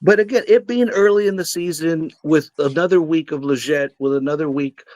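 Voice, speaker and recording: A male podcast co-host in a casual sports chat, talking with an animated, excitable delivery. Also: a little high, a little fast, no room sound.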